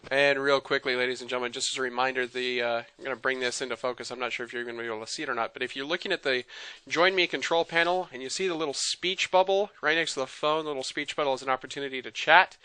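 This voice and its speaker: A man presenting an enthusiastic sales webinar, talking fast out of excitement and addressing the audience as folks. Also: medium pitch, smooth, dry recording.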